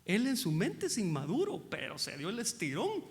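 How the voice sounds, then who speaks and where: Male pastor, high and very animated delivery, folksy sermon with rhetorical questions, long hall reverb. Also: moderate pace. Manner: asks the congregation rhetorical questions, addresses them as brother; folksy, joking asides. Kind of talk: conversational sermon. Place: church hall.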